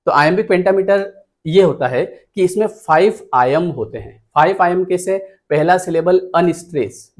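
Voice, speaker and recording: Male tutor, exam-prep lecture voice-over, talks through slides step by step, counts items aloud, pitch a bit high. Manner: explains step by step with frequent "है ना?" check-ins; counts items aloud while pointing at the screen. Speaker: teacher.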